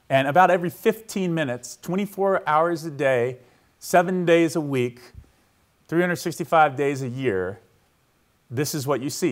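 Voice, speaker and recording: A man giving a university lecture to a live audience in a hall. He talks conversationally, keeps checking in with the room, and walks listeners through a scene he asks them to picture. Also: on the high side.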